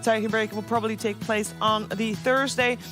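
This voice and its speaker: A woman's voice: on the high side, level tone, moderate pace, over music. A woman hosting an esports analysis desk, guiding the talk from one analyst to the next.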